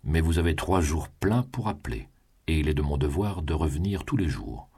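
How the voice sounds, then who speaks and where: A man voicing a courteous male lawyer who speaks calmly and dutifully. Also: a bass voice, normal speed, husky, exaggerated voice.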